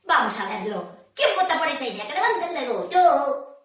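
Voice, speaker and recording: A woman's voice: high-pitched, big pitch swings, normal speed. A woman telling stories to children in a library, playful and theatrical, often asking her audience questions. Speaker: children's storyteller. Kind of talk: lively storytelling for children. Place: public library room. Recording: very echoey room, voice from a distance.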